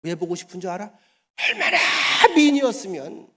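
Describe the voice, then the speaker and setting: High-voiced preacher in an echoey church. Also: male voice, very animated, brisk, a bit bright. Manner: colloquial, rhetorical questions to the congregation. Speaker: pastor. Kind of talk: sermon. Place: church sanctuary.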